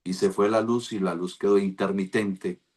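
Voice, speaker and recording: A man's voice: lowish voice, steady tone, normal speed, a little mellow, husky. A man, a pastor, telling a rambling devotional testimony over a video call. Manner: rambling storytelling with restarts.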